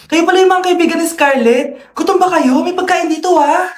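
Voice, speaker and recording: Woman, very high voice, playful skit actor jumping between bratty and scolding roles. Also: brisk. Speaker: skit performer voicing every part. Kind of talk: comedic skit acting.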